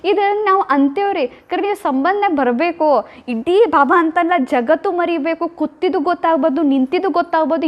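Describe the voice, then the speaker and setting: A woman giving a devotional talk, retelling love stories with emotive, acted-out lines. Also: very high voice. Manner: emotive, acts out quoted lines. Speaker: spiritual speaker. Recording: dull lo-fi recording.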